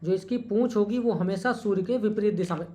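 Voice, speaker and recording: A teacher giving an exam-prep lecture who repeats key terms, asks rhetorical questions and corrects small slips with a quick apology. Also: mid-range voice, mellow.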